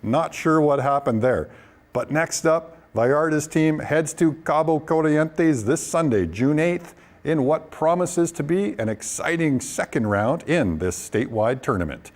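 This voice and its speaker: A man's voice: on the high side, animated, unhurried. A man presenting the weekly sports segment on a local news show in an upbeat, friendly way. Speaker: sports reporter.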